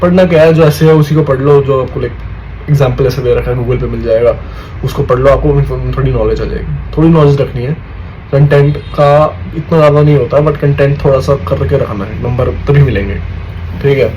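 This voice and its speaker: Over lo-fi sound with faint hiss or hum, this young man's mellow, mid-range voice moves fairly quickly and stays fairly even in intonation. He's a student vlogger casually sharing exam advice, addressing viewers as "bhai" and checking in with repeated "theek hai".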